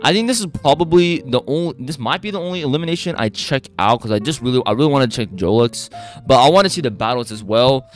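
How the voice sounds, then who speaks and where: An excitable man talks through a beatbox performance in loose, casual reaction commentary. His voice sits at an ordinary middle pitch. He gushes, rambles and trips over fillers, with faint music playing underneath. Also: fast.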